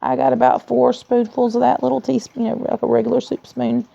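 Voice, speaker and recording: A woman who sounds tired and weak after surgery, talking in a candid, rambling, low-energy way in a casual video diary, with a gravelly, creaky voice. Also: little pitch movement, a little fast, dark tone. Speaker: vlogger sharing surgery recovery. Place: at home in a recliner. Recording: dull, lo-fi sound.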